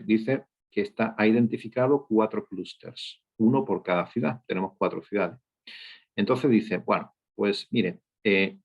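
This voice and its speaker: A man's voice: fairly low pitch, vocal fry, slightly rough. A man teaching a screen-share coding lesson, explaining step by step and checking in with his listeners after nearly every point. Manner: explanatory, frequent "¿eh?" and "¿ok?" check-ins. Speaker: data instructor. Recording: dull lo-fi sound.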